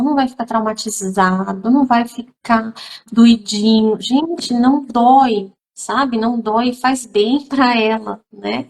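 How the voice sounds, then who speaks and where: A woman, a literacy teacher who is also a mother, talking emphatically to viewers in a live stream, full of fillers and direct appeals. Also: on the high side. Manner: emphatic, addresses audience directly, many fillers.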